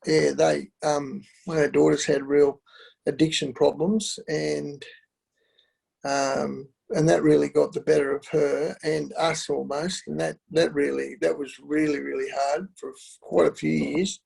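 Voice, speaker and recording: A middle-aged man speaks candidly about hard family years, stopping and restarting often with plenty of fillers. His voice is gravelly and husky, set a little higher than most men's. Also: little pitch movement, a little mellow, rough recording. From Australia. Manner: halting, with many fillers and restarts. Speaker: interview guest. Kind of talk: candid personal storytelling.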